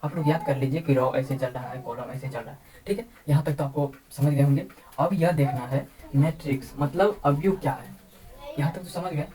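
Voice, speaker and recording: A woman teaching a math lesson, explaining slowly and repeating key terms over and over. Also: low voice, warm tone, rough recording. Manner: repeats words and says "ठीक है" often, slow deliberate explaining. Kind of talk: classroom-style math lesson.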